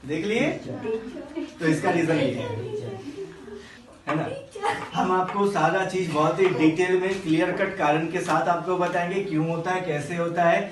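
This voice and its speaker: Classroom teacher, slow and drawn out, mid-pitched voice, echoey room, mic some distance off. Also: crowd noise. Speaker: English teacher.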